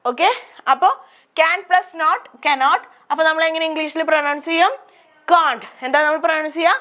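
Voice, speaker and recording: A woman's voice: high voice, fairly even intonation, brisk, fairly bright tone. A woman with a Malayali accent teaching English grammar, asking questions and answering them herself. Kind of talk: grammar lesson explained in Malayalam.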